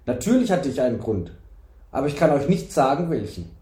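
A man's voice: mid-range voice, very animated, a little fast, mellow, echoey room, natural voice. A man reading the part of a proud, defiant young would-be knight in an audiobook, speaking raised and insistent. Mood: guarded.

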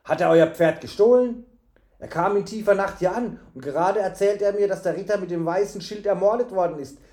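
A bewildered innkeeper demands answers in a storybook tale, voiced by a man reading aloud. He sounds agitated and insistent. The voice is slightly high. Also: expressive, moderate pace, dark tone, close to an everyday voice. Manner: agitated, questioning. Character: excited male innkeeper, bewildered and pressing.

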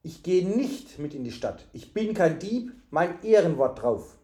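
A man reading aloud, voicing a calm, earnest young male messenger. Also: on the high side, measured pace.

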